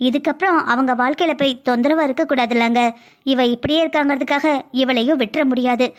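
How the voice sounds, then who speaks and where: A woman's voice: high voice, fast, natural voice. Brief: woman as a nagging, worried housewife, cartoon. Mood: persuading. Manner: complaining, insistent. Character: married housewife, worried and insistent. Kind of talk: cartoon voice acting.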